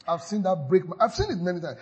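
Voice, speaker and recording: This pastor's high, husky, slightly mellow voice swings widely in pitch as he preaches quickly. He drives his listeners through repeated declarations in call-and-response fashion, with frequent hallelujahs.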